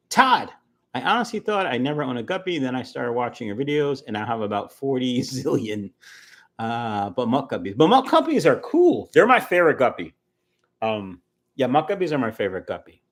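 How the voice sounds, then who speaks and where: With big pitch swings at a moderate pace, this medium-pitched man in his early fifties goes through his fishkeeping livestream's chat. His replies to viewer comments are casual, rambling and talkative.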